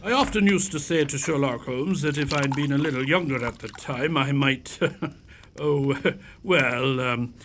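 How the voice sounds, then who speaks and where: A man's voice: medium pitch, a little slow, a bit bright, slight background noise, lightly acted. A man playing a genial older doctor and loyal companion who tells old stories in a polite, old-fashioned radio-play manner. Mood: genial, reminiscing. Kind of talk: radio-play acting and storytelling.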